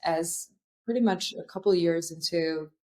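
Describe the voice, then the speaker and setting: A woman's voice: on the low side, a little slow, warm tone. A young woman from Albania, a founder, talking thoughtfully in a podcast interview with many fillers and restarts. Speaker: guest, startup founder.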